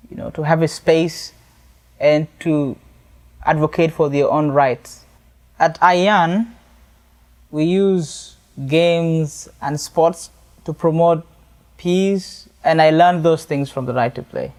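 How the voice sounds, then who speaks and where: Young South Sudanese man, slightly high voice, deliberate testimony. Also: a little mellow. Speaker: speaker sharing a personal story. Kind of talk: earnest personal testimony.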